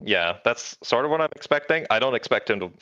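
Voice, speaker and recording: A man's voice: mid-range voice, animated, quick pace, pushed and bright. A man calling into a livestream over a clipped online call line that sometimes breaks up, chatting casually and laughing easily. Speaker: caller on a livestream. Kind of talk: casual debate chat. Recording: dull lo-fi call audio.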